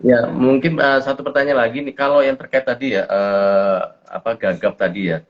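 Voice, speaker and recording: A man co-hosting a hospital talk show, asking questions in a relaxed, hesitant way. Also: mid-range voice, normal speed, dull audio. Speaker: co-host. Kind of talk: casual talk show chat.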